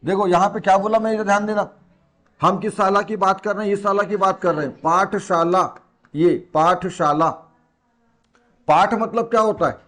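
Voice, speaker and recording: A man's voice: high-pitched, fairly even intonation, fast, a bit bright. A man from teaching a lesson in a classroom, colloquial and teasing, who repeats key words and throws rhetorical questions at his students. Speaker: coaching teacher. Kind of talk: classroom lecture.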